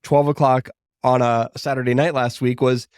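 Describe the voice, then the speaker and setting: A man's voice: mid-range voice, flat delivery, moderate pace, clear, resonant tone, dry recording. A man in his thirties hosting a casual solo podcast from his home studio, chatty and upbeat with rambling asides. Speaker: podcast host.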